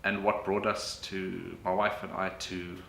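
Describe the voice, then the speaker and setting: A man, answering interview questions in a relaxed way, correcting himself now and then. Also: deep voice, measured pace, gravelly. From South Africa. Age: late 30s. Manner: relaxed, with fillers and self-corrections. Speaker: author and freelance economist. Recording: echoey room with background noise.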